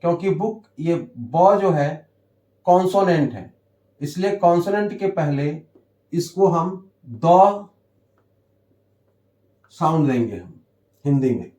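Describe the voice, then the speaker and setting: A man teaching an English grammar lesson, explaining slowly and deliberately and repeating the key terms. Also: on the high side, animated, warm tone. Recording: echoey room.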